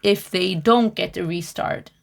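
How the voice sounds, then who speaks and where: Young woman cohosting a racing podcast, gravelly voice, rambles and restarts a lot. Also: lowish voice, measured pace. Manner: chatty, many fillers and restarts, wry. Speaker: podcast co-host. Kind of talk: casual chat.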